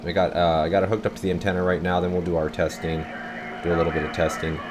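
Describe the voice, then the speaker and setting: A channel host demonstrating a CB radio talks casually and without a script, giving a laid-back, rambling equipment demo. He has a deep voice and level tone and talks fast, with the recording very noisy.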